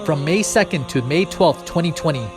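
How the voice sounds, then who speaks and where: A man's voice: a little high, normal speed. Man reading a promo over music. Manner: even, read-out promo delivery. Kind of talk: scripted announcement.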